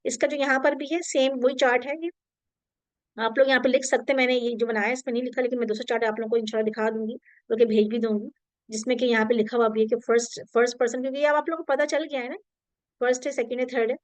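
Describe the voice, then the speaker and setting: A woman's voice: on the high side, level tone, fast, no room sound. A woman teaching an online Arabic grammar class, patient and reassuring, slipping English terms into her explanations.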